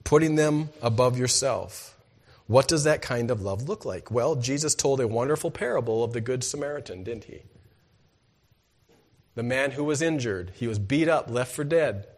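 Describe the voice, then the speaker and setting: A man preaching a sermon in church, asking rhetorical questions and calling for "amen", moving between loud emphatic lines and quiet low asides. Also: moderate pace. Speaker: pastor.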